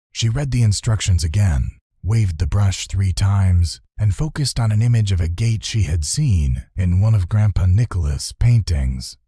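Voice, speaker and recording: A male audiobook narrator reads children's fantasy in a measured storytelling style. His voice is deep, very husky and mellow, captured close and dry with no room sound.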